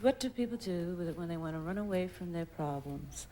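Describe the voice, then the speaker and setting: A woman's voice: fairly low pitch, lively intonation, a little fast. A woman playing a game show as a contestant, guessing and chatting casually. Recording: very noisy studio, loud audience.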